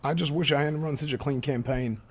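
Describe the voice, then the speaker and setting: A man's voice: fairly high pitch, fairly even intonation, brisk, husky. A man playing a disappointed, weary losing candidate in an improvised game role-play, talking casually with resignation. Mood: disappointed, resigned.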